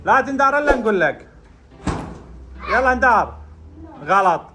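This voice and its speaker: A woman running a family game, giving brisk orders and often laughing. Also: a little high, sing-song, over loud music. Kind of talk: casual family game calling.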